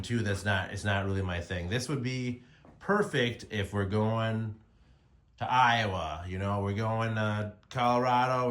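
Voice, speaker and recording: With a voice on the low side and a fairly bright tone, an American man in his forties vlogs about motorcycles to his phone. His talk is casual, rambling and full of slang.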